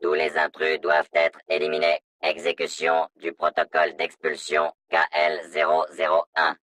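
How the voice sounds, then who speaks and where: An actor voicing a stern male security robot in a video game, through a robotic voice filter, in a flat, monotone, announcement-like delivery. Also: normal speed, dry recording. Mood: cold, commanding. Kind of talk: video game dub dialogue lines.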